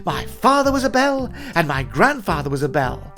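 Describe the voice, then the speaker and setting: A man's voice: fairly high pitch, very animated, moderate pace, sharp tone, faint music behind, full character voice. Man doing a grumpy pompous old Englishman. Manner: huffy, indignant, snobbish.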